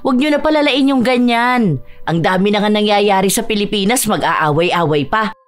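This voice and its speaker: A woman's voice: medium pitch, animated, normal speed, close to an everyday voice. A woman voicing a firm, motherly coworker. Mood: scolding. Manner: firm, soothing peacemaker. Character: calm, motherly older female coworker.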